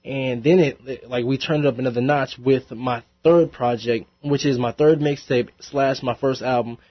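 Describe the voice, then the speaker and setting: In a college radio studio, a young man who raps talks through his music in a relaxed, rambling interview chat full of fillers, laughing easily between thoughts. His pitch is ordinary and his speed normal. The sound is dry and a little dull, with no room sound.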